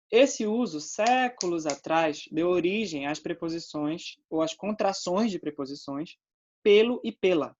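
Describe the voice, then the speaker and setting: A man's voice: fairly high pitch, highs cut off. Brazilian man teaching grammar online. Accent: Brazilian Portuguese. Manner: explanatory, checks in with frequent "tá?" and "né?".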